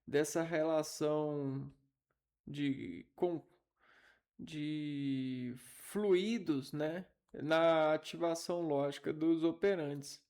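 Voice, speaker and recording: A man giving an informal linguistics lesson, halting and thinking aloud as he repeats syllables. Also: on the high side, steady tone, darkish tone. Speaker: teacher.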